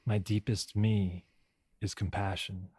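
A man leading a guided meditation in a hushed, slow voice, repeating calm affirmations. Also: on the low side, husky.

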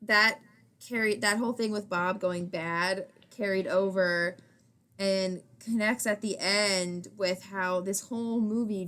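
Slow-talking, giggly woman. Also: mid-range voice, fairly bright tone. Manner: unhurried, laughs often. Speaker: podcast co-host. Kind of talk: casual chat reviewing a movie.

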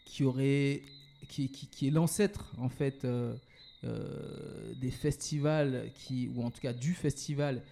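A man with a warm, mellow voice speaks in a relaxed, casual interview. He talks hesitantly, with frequent fillers and restarts, and drops English words into his sentences. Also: medium pitch, slow, vocal fry. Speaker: guest, event organizer and entrepreneur.

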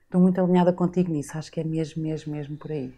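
Woman, forties, from the Azores, interview guest, low mellow voice, reflective storyteller. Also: steady tone, rapid-fire. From Azores, Portugal. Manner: reflective, warm storytelling with rhetorical questions. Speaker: podcast guest. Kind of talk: casual interview chat.

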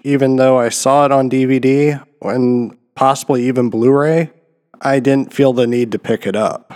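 A man hosting a solo film review commentary, with a nasal, slightly gravelly voice, stuffed up from a head cold. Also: mid-range voice, darkish tone, long reverb tail. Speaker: host of a film review show.

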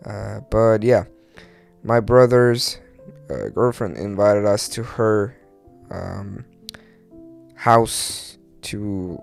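A man's voice: fairly low pitch, extremely slow, creaky, long pauses, faint music behind. A young man with a Turkish accent and imprecise R and L sounds, rambling casually and hesitantly on a solo podcast in English as a non-native speaker. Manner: rambling, hesitant, searching for words, mild swearing. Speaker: podcast host.

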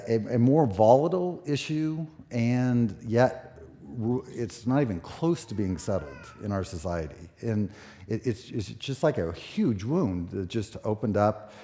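A man in his sixties, a pastor preaching a sermon at a pulpit microphone, relaxed and conversational with many fillers. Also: lowish voice, measured pace. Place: church sanctuary. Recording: echoey church hall.

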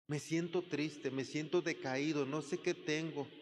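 A man delivers a sermon as pastor at a slow, measured pace. His voice sits somewhat high and carries a long reverb, as if recorded in a large hall. He asks the congregation rhetorical questions and acts out the voices of the people he quotes. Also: fairly even intonation, a little hiss or hum.

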